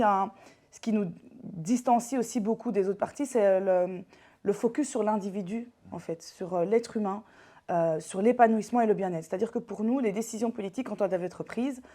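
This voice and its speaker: A woman in her thirties from Belgium, a politician answering interview questions in a measured, explanatory way with frequent hesitations. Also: medium pitch, warm tone. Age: 30s. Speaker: politician guest.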